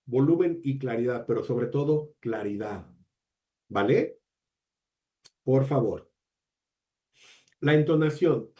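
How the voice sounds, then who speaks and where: Man presenting a teacher webinar, mellow voice. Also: mid-range voice. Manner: measured, uses deliberate pauses, asks the audience questions. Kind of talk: online teacher training talk.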